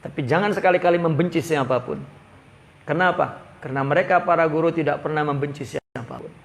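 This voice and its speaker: A man giving a religious lecture on a classical Arabic text, mixing Arabic phrases with lively slang. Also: fairly high pitch, brisk, vocal fry. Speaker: religious teacher. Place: religious study gathering.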